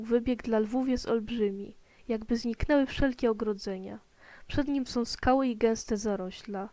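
A woman educator reading a children's story aloud in a calm, expressive storytelling manner. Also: a little high, dry recording.

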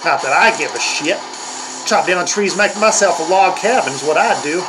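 A man's voice: high-pitched, animated, moderate pace, noisy background. An older man hosting a comedic reaction video, grumbling and mocking in a crude, profane way. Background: heavy metal music playing.

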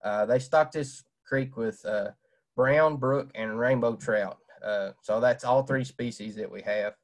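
Here the young fishing presenter from Southwest Virginia uses a mid-range voice at a measured pace. It's a relaxed, plain-spoken webcam talk on a video call, heavy with "uh"s.

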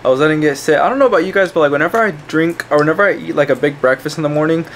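A man's voice: a little high, very fast, a bit bright, a little hiss or hum. A young adult man chatting casually to camera like a gym bro, with slangy, sweary talk, as a fitness vlogger. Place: small indoor rooms at home, bedroom and kitchen.

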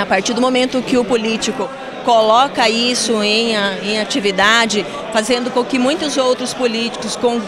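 A woman councilor answering an interview in a council chamber, earnest and deliberate, into a held mic. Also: a little high. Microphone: handheld mic held by interviewer. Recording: crowd chatter behind.

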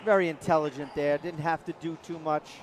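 Chatty commentator with a New York accent. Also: male voice, a little high, flat delivery, brisk, noisy background. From New York area. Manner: chatty, laughing easily, explaining plays. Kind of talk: live sports commentary.

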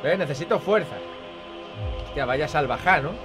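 A man's voice: a little high, normal speed. A young man with a Spain Spanish accent giving rambling, casual gameplay commentary, swearing often and talking to his viewers. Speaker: gaming channel host. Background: game music.

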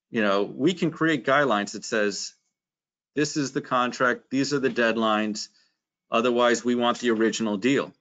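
A man with a medium-pitched voice speaks through a face mask at a public meeting. He reasons aloud in a deliberate way, posing questions as the chair. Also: sharp tone. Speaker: mayor chairing a commission meeting.

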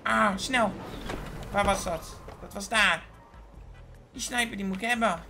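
A woman giving excitable gameplay commentary as a gaming video host. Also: medium pitch, normal speed. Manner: excitable, shrieks and squeals at sudden moments, hushed when sneaking. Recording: game music behind the voice. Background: background music.

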